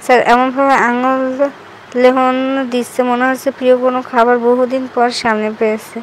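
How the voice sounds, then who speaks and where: A woman's voice: high-pitched, a little fast, slight background noise, low-quality recording. A woman narrating an amateur audiobook, reading every part in her own voice. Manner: reads all parts in her own voice, even delivery.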